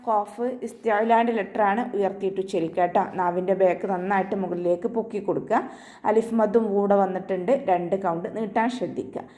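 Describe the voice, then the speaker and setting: A woman teaching Quran recitation in an online class, explaining each sound step by step with gentle reminders. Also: medium pitch. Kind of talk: online tajweed lesson.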